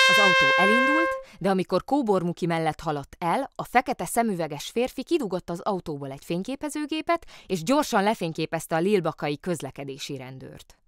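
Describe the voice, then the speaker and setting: A woman, an actress, narrating a children's storybook in an expressive, animated way in a studio. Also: on the low side, over loud music. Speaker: audiobook reader, stage actress. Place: theatre sound studio. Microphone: studio microphone.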